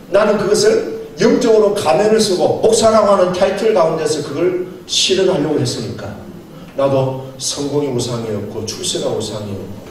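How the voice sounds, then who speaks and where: A middle-aged man, a pastor, preaching a seminar sermon with a storytelling manner and acting out dialogue. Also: fairly high pitch. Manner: storytelling, acts out dialogue, chuckles often. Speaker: pastor giving a seminar lecture. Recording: very echoey hall, mic far off, faint noise.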